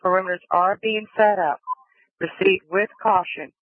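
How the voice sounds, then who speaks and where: A man's voice: sits high, steady tone, normal speed, no echo. A male police dispatcher on a police radio channel, relaying calls in clipped phrases and repeating key details. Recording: tinny dry radio transmission.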